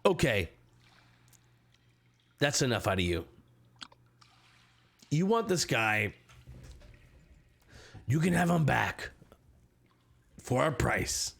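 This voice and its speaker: A man's voice: medium pitch, big pitch swings, slow, vocal fry, long pauses, fairly bright tone, breathy edge, heavily acted. A man voicing a large orc who makes threats and haggles in a tabletop game. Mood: bargaining menace. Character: large menacing male orc demanding a ransom.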